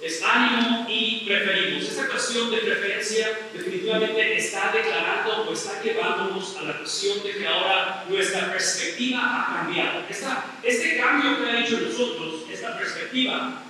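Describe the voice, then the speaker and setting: A man's voice: sits high, normal speed, pushed and bright. Emphatic preaching man in echoey hall. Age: middle-aged. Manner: emphatic, repeats phrases, asks rhetorical questions. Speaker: pastor. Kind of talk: sermon. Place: church sanctuary. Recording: very echoey church hall, voice from far off, faint noise.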